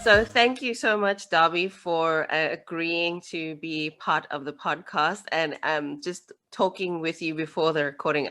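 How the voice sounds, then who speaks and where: A woman's voice: deep voice, bright, forceful tone. Chatty young woman hosting a podcast. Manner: chatty, laughs often, restarts. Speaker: podcast host. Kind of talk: podcast interview.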